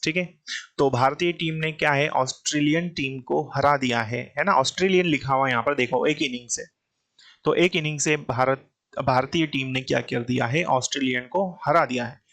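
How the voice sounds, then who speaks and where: A man's voice: mid-range voice, moderate pace, fairly bright tone. A man giving an exam-prep grammar lesson. He speaks with an Indian English accent, calls the student "beta", and keeps asking questions that he then answers himself. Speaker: English teacher.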